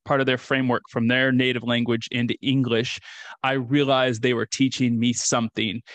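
A man in his thirties from rural Kansas, USA, appears as an interview guest on a video call with a desk mic, telling his story earnestly and reflectively in a casual way. His voice is mid-range with a fairly bright tone and no room sound.

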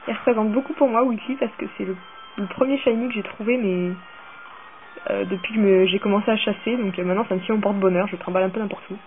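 This game player is a woman with a mid-range voice who talks quickly, with a little hiss or hum in the audio. She comments casually on her video game, swearing, rambling and growing excitable. The recording sounds tinny and phone-like, with faint music.

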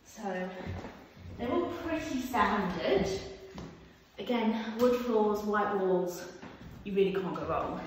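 A woman's voice: medium pitch, takes it slowly. A woman in her thirties giving a playful, chatty vlog tour of her empty new house, filmed on a phone. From England. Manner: chatty, playful, lively tour-guide banter. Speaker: vlogger. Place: empty house with bare rooms and wood floors. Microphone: phone held at arm's length and on a tripod. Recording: echoey empty rooms, noticeable noise.

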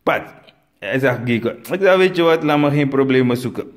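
A man from Suriname with a Surinamese Dutch accent, telling a comic story and acting out the dialogue, with sudden high bursts. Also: expressive, normal speed. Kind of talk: storytelling comedy.

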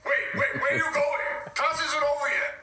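A man's voice: very high-pitched, little pitch movement, moderate pace, roomy sound, recorded from a distance, over a noisy crowd. A man voicing a sarcastic, exasperated male schoolteacher in a comedy puppet show, lecturing with emphasis.

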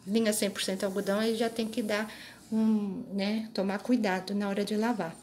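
A woman's voice: medium pitch, level tone, moderate pace, a little mellow, a little hiss or hum. A woman in her thirties hosting a casual crochet vlog, chatting to viewers with frequent tag questions while filming on a handheld phone in a small craft room. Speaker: crochet channel host. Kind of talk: casual show-and-tell vlog. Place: small craft room indoors, later tabletop close-ups. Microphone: phone held in hand.

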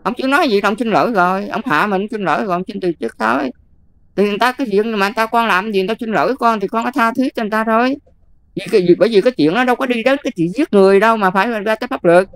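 An older Buddhist nun with a Southern Vietnamese accent, talking casually and emphatically, often checking whether the listener follows. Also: female voice, mid-range voice, very fast. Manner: emphatic, keeps checking "see?". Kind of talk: casual advice talk.

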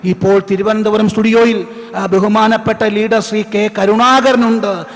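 A man's voice: high-pitched, fairly even intonation. A man playing a TV news anchor, politely introducing guests. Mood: formal. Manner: polite, measured announcing. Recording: echoey stage hall.

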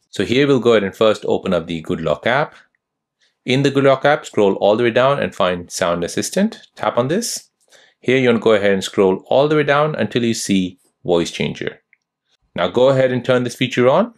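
A young man narrating a step-by-step phone tutorial as host, giving steady instructions. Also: medium pitch.

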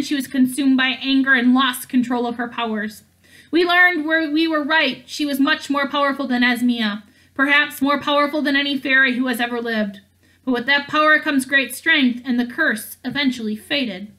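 Raspy growling icy witch queen, a woman reading, storybook, high, bright. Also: normal speed, rough recording. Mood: cold, menacing. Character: raspy growling cold blind Snow Queen.

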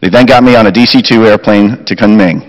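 A middle-aged man reads a family war story aloud from a chapel lectern, steady and brisk. His voice sits on the low side. The lectern mic picks him up with a long chapel reverb behind. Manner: steady reading with quoted recollections. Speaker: chapel speaker. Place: school chapel, indoors.

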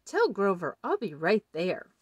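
A woman voicing a kind, calm woman doctor in a storybook, gentle and reassuring. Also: medium pitch, unhurried, slightly rough, no echo, exaggerated voice.

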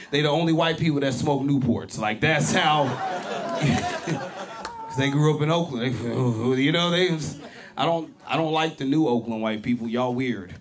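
A stand-up comedian in his forties from Berkeley, California, works a club stage with a handheld mic, his voice medium-pitched. His set is loud, animated, and profane, with punchlines hitting shouted peaks. The live club recording carries audience laughter.

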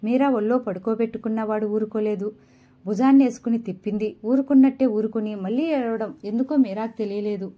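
A woman narrating an audio novel in a calm, measured reading. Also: fairly high pitch, dull audio. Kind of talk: scripted narration.

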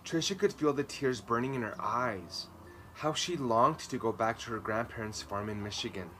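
This low-quality recording captures a man in his thirties reading a children's story aloud in a garden, seated on the patio, with emphatic and dramatic delivery. His medium-pitched voice sounds pushed and bright at a normal pace. Soft background music and clear ambient noise sit behind him.

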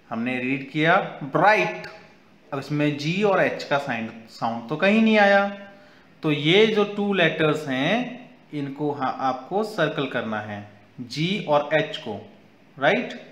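A man's voice: on the high side, a bit bright. A man teaching spelling in an echoey room. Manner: spells words letter by letter, mixing Hindi and English. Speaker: English teacher. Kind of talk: classroom grammar lesson.

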